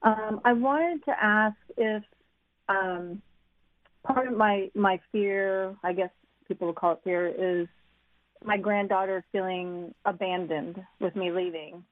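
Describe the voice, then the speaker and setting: A woman's voice: medium pitch, fairly even intonation, takes it slowly, dry recording. An older woman, a caller, talking over the phone on a call-in show, hesitant and searching for her words. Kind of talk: call-in radio chat. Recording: tinny phone line, dry.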